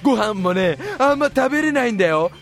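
A man voicing a panicky young boy who breathlessly warns his friends, shouting in excitement. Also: sits high, fast talker, faint music behind. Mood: alarmed.

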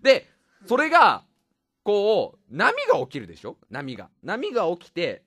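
A man in his thirties with a fairly high, very animated voice, carrying a comic monologue in rough, casual speech. He laughs often, stumbles and corrects himself as he rambles. The recording is dry and close, with no room sound. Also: normal speed, no room sound.

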